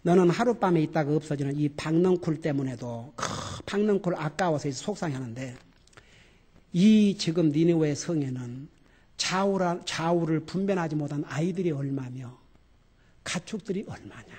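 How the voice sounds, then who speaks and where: A man voicing God as a gentle, patient fatherly figure, speaking softly and kindly to a prophet. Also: a little high, normal speed, slightly rough, voice pushed down.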